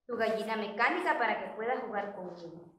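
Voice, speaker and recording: A woman voicing a kindly hen who clucks in a very high voice before she talks. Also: a little fast, heavy background noise, natural voice. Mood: friendly. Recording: echoey room, distant mic.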